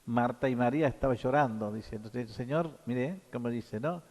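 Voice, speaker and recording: Male priest, mid-pitched, halting sermon full of tag questions, long church echo. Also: a little mellow. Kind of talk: sermon at Mass.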